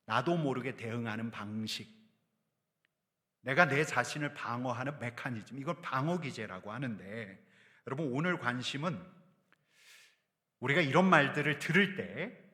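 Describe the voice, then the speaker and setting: A man's voice: mid-range voice, pushed and bright. A man preaching a sermon as a pastor, speaking animatedly and addressing the congregation directly. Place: church sanctuary. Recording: long church hall reverb.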